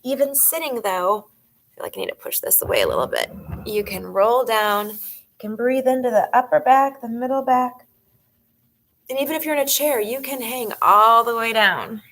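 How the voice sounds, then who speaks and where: Chatty woman yoga teacher, slightly high. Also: lively intonation, moderate pace. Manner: chatty, rambling, with many fillers; gentle step-by-step instruction. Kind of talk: guiding a yoga class.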